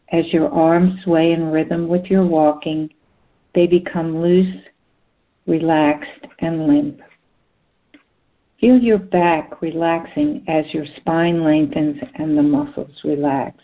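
A woman with a slightly low voice guides relaxation as a hypnotherapist. She speaks very slowly and soothingly, leaving long pauses between short phrases. The sound is narrow and thin, like a phone call. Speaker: clinical hypnotherapist.

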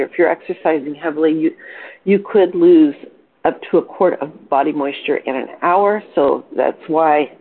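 A woman's voice: sits low, vocal fry, breathy edge. An older woman hosting a wellness support call, talking in a cheerful, chatty way with fillers and self-corrections. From Portland, Oregon. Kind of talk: informal coaching talk on a conference call. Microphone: telephone. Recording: phone-line conference call.

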